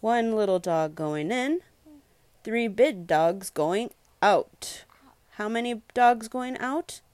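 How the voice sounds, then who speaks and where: A woman reads a picture book aloud, unhurried and deliberate, pausing to quiz a little listener with simple questions. Her voice is smooth and clear. The recording is close and dry, with no room sound. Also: medium pitch, lively intonation, a little mellow, dry recording. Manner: patient, prompting the child with simple questions. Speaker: parent reading to a young child.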